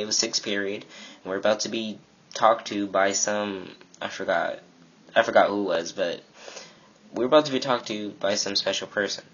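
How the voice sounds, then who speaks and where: A man's voice: fairly low pitch, husky. A teenage boy preaching earnestly to camera about faith, acting out what his classmates say. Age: teens. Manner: earnest, animated, acts out quoted classmates. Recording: dull lo-fi webcam audio.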